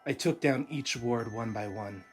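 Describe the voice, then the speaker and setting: A man's voice: medium pitch, a little slow, faint music behind. A man co-hosting a podcast, chatting casually with jokes and easy laughter, then reading a horror story. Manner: joking, laughs easily between lines. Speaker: podcast co-host.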